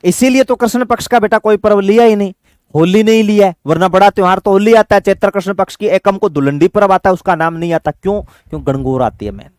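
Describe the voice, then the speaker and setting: Fatherly toward his students, this male exam-prep teacher asks questions only to answer them, and he chants memory aids slowly. His voice sits high with a darkish, clean tone, and there's no echo.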